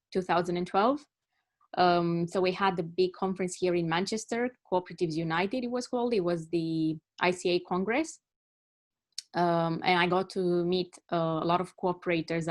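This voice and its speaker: Woman from Romania speaking on a call. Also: on the low side. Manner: measured, self-correcting as she goes. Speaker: journalist speaking on a panel. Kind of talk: prepared talk on a video call. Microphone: video call.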